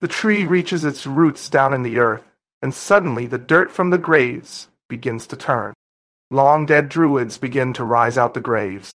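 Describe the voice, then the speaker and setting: A man's voice: mid-range voice, a little slow, a bit bright. A man acting as game master, setting scenes in a plain, brief way. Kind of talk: narrating a role-play game.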